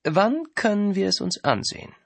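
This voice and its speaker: A man voicing a polite, smooth-talking male art dealer eager for a deal. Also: sits high, sing-song, moderate pace, fairly bright tone, no room sound, pitched above the performer's own voice, full character voice. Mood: courteous, eager.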